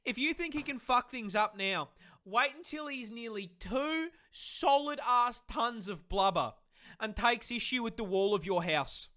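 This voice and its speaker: A man's voice: very high voice, lively intonation, measured pace, bright, forceful tone. A man doing comedic scripted documentary narration in a sweary, irreverent, slangy manner. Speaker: animal facts video narrator.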